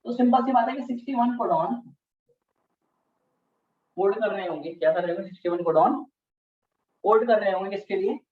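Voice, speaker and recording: In a distant, echoey and dull classroom recording with a little hiss or hum, a man lectures in a high voice. He speaks fairly quickly but leaves long pauses, repeating key terms and checking that students follow.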